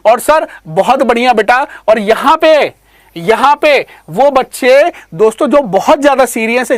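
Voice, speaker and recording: A man who teaches exam prep online, addressing students fondly and repeating himself while pitching a course. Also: fairly bright tone, no echo. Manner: repetitive, calls listeners "beta", pushy sales pitch. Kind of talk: promotional talk to students.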